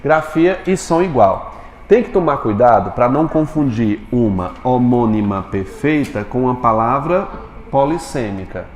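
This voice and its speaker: A man's voice: mid-range voice, expressive. Brazilian male teacher in an echoey classroom. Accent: Brazilian Portuguese. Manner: quizzes students with quick questions. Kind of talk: classroom lecture. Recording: echoey classroom with long reverb, faint noise.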